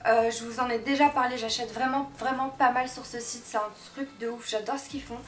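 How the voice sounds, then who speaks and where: A young woman with a fairly high voice and a slight lisp, talking casually like a beauty vlogger. She gushes in slangy, informal phrases. The recording is roomy and a little distant from the mic, with faint noise. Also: steady tone, fairly quick. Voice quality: slight lisp from tongue piercing. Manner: gushing, slangy. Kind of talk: casual chat to viewers.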